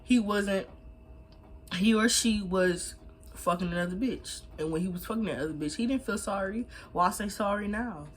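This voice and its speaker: Mid-meal, a young woman who does mukbang videos chats casually and gives slangy, blunt, emphatic advice. She speaks at normal speed in a medium-pitched, slightly rough voice.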